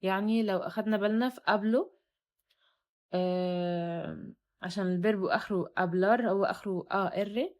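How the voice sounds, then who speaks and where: A young woman with an Egyptian Arabic accent gives a Spanish lesson for beginners, explaining verb endings in a patient way and repeating each form slowly so learners can follow. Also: medium pitch, a little mellow. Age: young adult. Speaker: Spanish teacher. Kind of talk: recorded online lesson.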